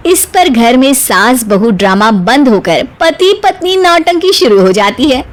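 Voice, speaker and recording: A woman's voice: sits high, big pitch swings, a little slow. A woman narrator reading a scripted comic cartoon story as storytelling.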